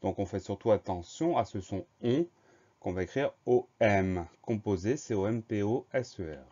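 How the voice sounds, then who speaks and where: A man gives a patient dictation lesson, breaking each word into syllables and spelling it out letter by letter. His voice sits low and mellow. The recording sounds dull and lo-fi. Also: animated. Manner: slow, methodical, spells words letter by letter. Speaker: spelling teacher.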